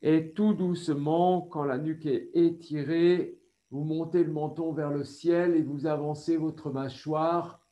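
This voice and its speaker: A French-accented man guides a yoga class over a video call. His voice is mellow and a little high for a man. He talks slowly and calmly, cueing each breath. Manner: slow, calm instructions with breath cues. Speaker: yoga teacher.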